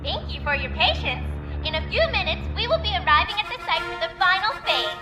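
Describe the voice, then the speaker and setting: A high airship PA announcer. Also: female voice, expressive, fairly quick, over music. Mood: polite. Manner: formal, courteous announcing. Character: polite female airship announcer. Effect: over a PA loudspeaker. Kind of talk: anime dub acting.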